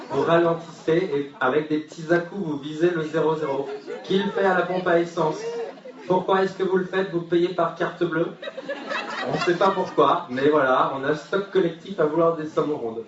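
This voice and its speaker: A man giving a talk at a forum, telling an anecdote with humor and many hesitations. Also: a little high. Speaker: speaker at a forum. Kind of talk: conference talk. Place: conference hall with audience. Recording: far-off echoey hall, dull sound.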